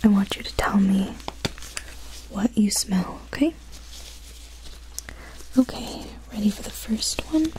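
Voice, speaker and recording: Woman doing asmr whispered role-play as a doctor, breathy whisper, really slow and soothing. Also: medium pitch, lively intonation, rough recording. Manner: slow, gentle, soothing encouragement. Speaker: ASMR performer playing a clinic examiner.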